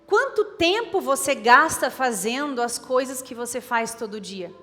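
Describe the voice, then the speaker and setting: Woman, Brazilian Portuguese accent, sermon, emphatic, high-pitched, reverberant church hall. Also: animated, a little slow, a bit bright. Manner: emphatic, repetitive exhortation. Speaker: preacher.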